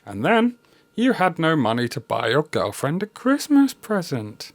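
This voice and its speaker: A man's voice: fairly high pitch, huge pitch swings, a little slow, no echo, pitched above the performer's own voice, full character voice. A man playing a smug, scolding ghost of the past in a comedy sketch. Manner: lofty, scolding, theatrical.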